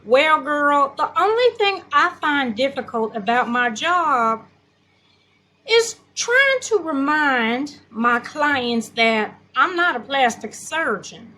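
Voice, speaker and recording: Woman playing a sassy makeup consultant, blunt, slangy, bright sharp voice, slow drawl. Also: high voice, sing-song, full character voice, rough recording.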